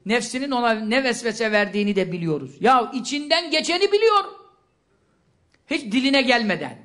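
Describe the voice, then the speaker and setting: A man giving a religious lecture, asking questions and answering them himself, with quick recited Arabic verses. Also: very high-pitched, sing-song, fairly bright tone. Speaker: preacher.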